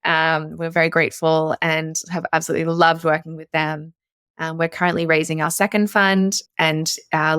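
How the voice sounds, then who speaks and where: Gravelly low-voiced woman. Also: fairly bright tone, dry recording, clean studio sound. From Australia. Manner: chatty, many fillers and restarts. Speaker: guest, investor. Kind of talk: podcast interview.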